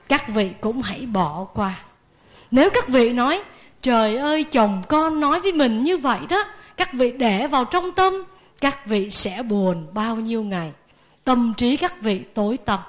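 A woman, a Buddhist nun, giving a lively sermon and asking the audience questions. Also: fairly high pitch.

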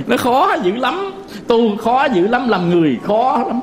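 Speaking very slowly in a very high, expressive voice, this Buddhist monk teacher delivers a sermon with a Southern Vietnamese accent. Folksy tales fill his talk, punctuated by frequent chuckles and direct address to the audience.

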